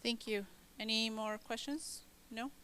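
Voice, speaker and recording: A woman moderating a conference, wrapping up the day with upbeat, brisk closing remarks. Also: a little high, fairly even intonation, pushed and bright.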